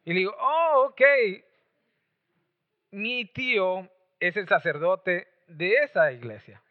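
A man's voice: high voice, very animated, unhurried. A man born in Mexico, preaching and telling a story with lots of chatty restarts. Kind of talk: storytelling sermon. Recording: tinny phone-like sound.

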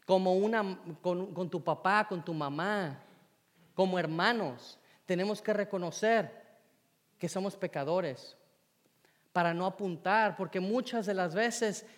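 A man preaching a sermon, telling a self-deprecating personal story in an animated way. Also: sits high, a little slow. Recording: long reverb in a hall.

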